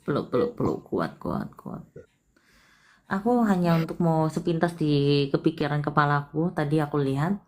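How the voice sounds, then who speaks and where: Low-voiced woman consoling a caller. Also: expressive, moderate pace, darkish tone. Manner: soothing, calls listener sayang often. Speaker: palm reader host. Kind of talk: live stream reading and consoling.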